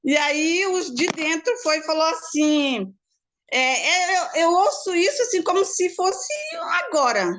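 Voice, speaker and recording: A woman earnestly and quickly sharing a personal faith testimony, with frequent restarts. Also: very high-pitched, animated, fairly bright tone, a little hiss or hum. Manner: fast, earnest storytelling with many restarts. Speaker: church group member sharing a testimony.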